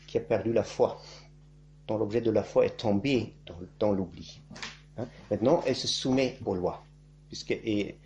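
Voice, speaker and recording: A priest-monk, a native German speaker, giving a spoken catechesis in a halting way, searching for words and tagging phrases with "hein". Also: male voice, mid-range voice, dark tone, a little hiss or hum.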